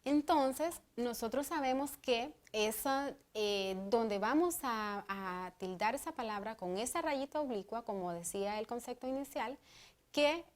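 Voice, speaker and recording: A Honduran woman presents an educational TV lesson with a fairly high voice. She explains and reads out examples in a clear, deliberate, teacherly way, close to a studio mic. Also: animated. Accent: Honduran Spanish. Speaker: teacher co-host.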